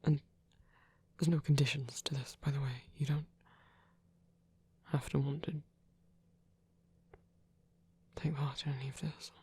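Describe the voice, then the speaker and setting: As a devoted, earnest male vampire priest in a scripted romantic ASMR audio drama, a performer murmurs breathily and in a whisper, hesitant yet warm and reassuring in mood, using formal wording. The mid-range voice barely moves in pitch, keeps a moderate pace, and is recorded on a close, dry mic.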